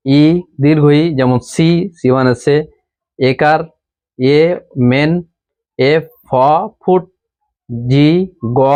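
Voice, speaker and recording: A man with a Bengali accent giving an English pronunciation lesson, slowly repeating each rule and example. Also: a little high, a little mellow, clean tone. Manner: slow, patient, repeats rules and examples. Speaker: English teacher.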